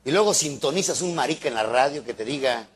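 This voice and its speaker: A man with a Mexican accent giving a live motivational talk to an audience, animated and storytelling, acting out little voices along the way. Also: mid-range voice, fast, slightly rough. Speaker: motivational speaker. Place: stage before an audience.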